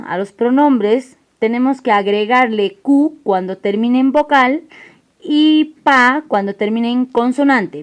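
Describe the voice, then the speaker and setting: A woman teacher giving a recorded lesson, slowly and patiently repeating each answer back as a question. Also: fairly high pitch.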